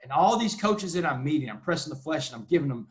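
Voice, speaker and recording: A man in his forties from Texas, guesting on an interview as a motivational speaker. He races through his story with a slightly raised pitch and drops "man" into nearly every sentence. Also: lively intonation. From Texas, USA. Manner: fast talker, keeps saying "man".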